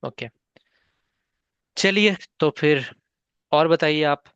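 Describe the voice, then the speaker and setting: A man's voice: on the high side, very slow, fairly bright tone, clean tone, no room sound. A man teaches a spoken English class over an online call, patient and encouraging. He calls on learners by name and moves between Hindi and English. The audio is dull and lo-fi with a dry, close sound.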